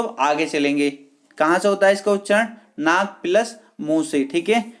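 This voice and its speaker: A teacher giving an online exam-prep lesson, repeating key words slowly and checking with the class whether it is clear. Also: medium pitch. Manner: addresses viewers as friends, patient and repetitive.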